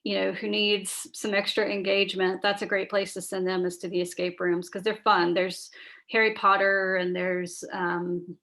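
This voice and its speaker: Running a teacher training by video call, this school librarian talks her way through a shared screen in a tired, scratchy voice full of fillers and restarts. Her pitch is medium with little variation, her speed normal, and her tone a bit bright.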